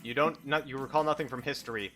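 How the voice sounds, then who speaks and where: A man's voice: medium pitch, fast, over loud music. A man improvising narration as game master of a tabletop role-playing game.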